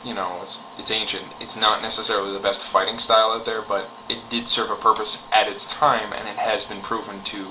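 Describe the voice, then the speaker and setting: A man's voice: on the low side, flat delivery, a little fast, hardly any pauses, sharp tone. A man giving a casual, opinionated rant in a blunt, informal way with some swearing. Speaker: martial arts enthusiast giving opinions. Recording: clearly noisy recording with background ambience.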